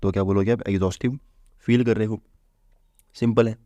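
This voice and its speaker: A man teaching a relaxed vocabulary lesson in a low, mellow voice. He talks chattily, constantly posing questions and answering them himself. The sound is dry and close to the mic. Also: normal speed, no echo. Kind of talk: casual Hindi exam-prep lesson.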